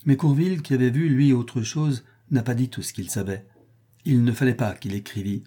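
A man reading the part of a calm, assured master detective, explaining in measured tones. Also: medium pitch, husky, natural voice.

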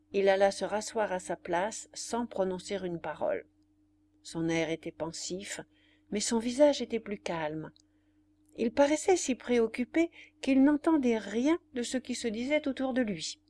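A woman reading a novel aloud in a measured, storytelling manner. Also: mid-range voice, a little mellow, slight background noise. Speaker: audiobook reader. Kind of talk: scripted narration.

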